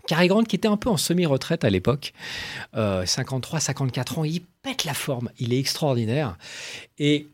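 A man giving enthusiastic film commentary, animated and full of exclamations and quick asides. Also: mid-range voice.

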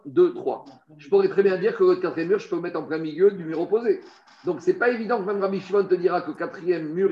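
A man with a somewhat high voice teaches a Talmud lesson, walking through each point step by step and talking straight to the listener. He often repeats words while he searches for how to put things. The sound is roomy and a bit dull, like a lo-fi recording. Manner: explains step by step, addresses the listener directly.

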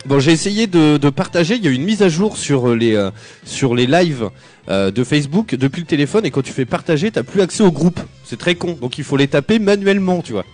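Lively high-voiced man hosting a podcast. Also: a little fast, faint music behind. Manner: playful, introduces co-hosts with flourish. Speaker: podcast host. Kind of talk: casual gaming chat.

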